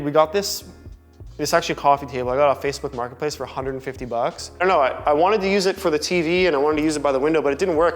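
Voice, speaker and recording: A young man, casually talking through a tour of his loft apartment in a relaxed way, with lots of filler words. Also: a little high. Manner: chatty, relaxed, full of "like" and "um" fillers. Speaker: vlogger giving a home tour. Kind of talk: casual home tour talk. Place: large loft apartment indoors.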